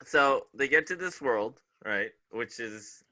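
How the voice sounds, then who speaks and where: A man co-hosting a casual show review, talking in a relaxed way and trailing off mid-thought. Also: mid-range voice, slow pace. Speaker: podcast co-host.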